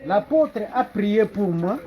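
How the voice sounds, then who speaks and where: A man's voice: high voice, animated, slow, muffled recording. Earnest man from Belgium testifying. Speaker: visiting congregant. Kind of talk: spoken testimony. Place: church gathering.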